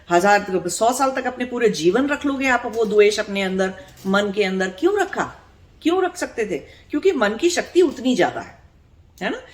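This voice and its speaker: Woman spiritual teacher, slightly high voice, earnest and explanatory, leans on rhetorical questions. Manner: explanatory, asks rhetorical questions and checks in with the listener; earnest, repeats words for emphasis. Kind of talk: spiritual discourse.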